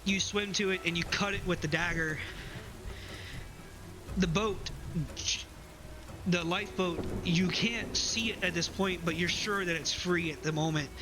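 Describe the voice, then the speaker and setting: A man narrating as game master of a tabletop game, calm and descriptive. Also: sits high, measured pace, long pauses, background noise.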